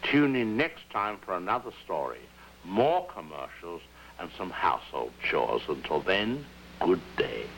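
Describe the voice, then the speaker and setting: A man hosting a television show in a dry, deadpan and formally droll manner, heard through an old 1950s television broadcast with a faint hum. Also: low voice, measured pace, rough recording. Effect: old 1950s television broadcast sound with faint hiss and hum. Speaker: television host. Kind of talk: scripted wry host introductions.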